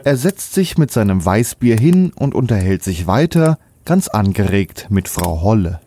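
Male narrator, warm dark tone, lowish, faint hiss. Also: big pitch swings, a little slow. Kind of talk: scripted storybook narration.

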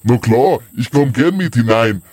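A man's voice: mid-range voice, lively intonation, unhurried, a little mellow, no room sound. A man voicing a jovial, beer-loving Father Christmas, hearty and folksy.

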